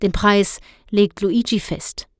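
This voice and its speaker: A woman voicing a calm, polite male ice cream seller who speaks courteously. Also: mid-range voice, takes it slowly, dry recording, studio quality. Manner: courteous, soothing.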